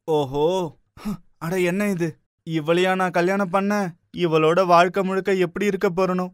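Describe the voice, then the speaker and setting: A man's voice: high-pitched, steady tone, measured pace, clear, resonant tone, no echo, studio quality. Man voicing a put-upon young cartoon husband. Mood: exasperated. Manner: mild, coaxing, exasperated.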